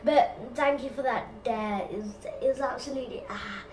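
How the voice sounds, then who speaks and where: A woman's voice: fairly high pitch, moderate pace, distant mic, noisy background. A woman answering fan questions in a casual vlog, giggly and apologetic, with lots of ums. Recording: echoey room, from off mic.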